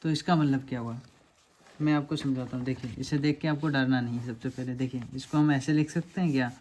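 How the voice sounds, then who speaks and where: A man's voice: mid-range voice, steady tone, a little fast, darkish tone, slight background noise. A man teaching a lesson over diagrams, patiently asking questions and answering them himself.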